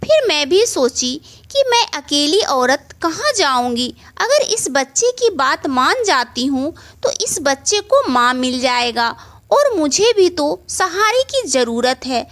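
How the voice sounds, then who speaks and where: High, animated woman storyteller. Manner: expressive, emotional, direct to listeners. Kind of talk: first-person story narration.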